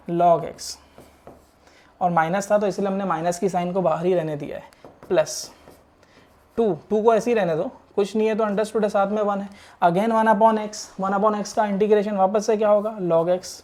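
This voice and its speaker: Male maths tutor, online lecture, mellow tone, walks through each step, keeps checking in with rhetorical questions. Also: high voice. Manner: mixes English maths terms into Hindi. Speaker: maths teacher.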